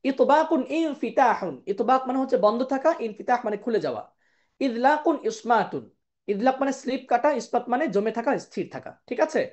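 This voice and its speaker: A woman teaching an online tajweed lesson who explains patiently, keeps checking in with her students, and chants the Arabic terms slowly in pairs. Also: a little high, a little mellow. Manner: explains patiently, checks in with "ঠিক আছে?" and "কেমন?". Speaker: Quran recitation teacher.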